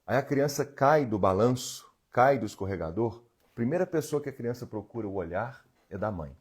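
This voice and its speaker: A man in his forties speaks as a therapist on a live stream, coaching his viewers in an earnest, direct way. His voice sits at an ordinary mid pitch with a husky, slightly rough edge. He talks straight to the audience from his home. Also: animated, moderate pace. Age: 40s. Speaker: emotional healing therapist.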